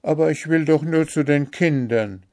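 A shy, gentle young fairy-tale girl, voiced by a man who lifts his low voice up high for her. She speaks softly and sweetly, timid and eager to please. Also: moderate pace, close to an everyday voice. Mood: timid pleading.

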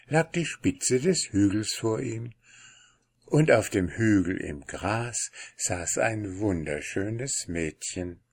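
A man reading a fairy tale aloud in a calm storytelling manner. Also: on the low side, gravelly, husky. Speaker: narrator.

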